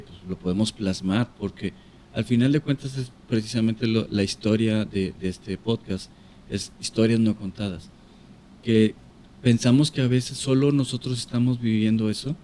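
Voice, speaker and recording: Man, fairly low voice, podcast host, affirming, faint background hiss. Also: moderate pace, warm tone. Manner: affirming, frequent backchannels. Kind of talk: interview hosting.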